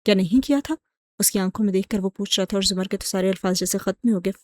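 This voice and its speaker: A woman narrating a romantic novel as an audiobook in a steady storytelling voice. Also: mid-range voice.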